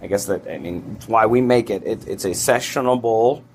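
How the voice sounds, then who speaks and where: Brewery guy chatting on radio, relaxed and rambly, gets excited, light background hiss. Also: on the low side, normal speed. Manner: relaxed, rambling with restarts and enthusiasm. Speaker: brewery owner guest. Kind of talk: casual interview chat.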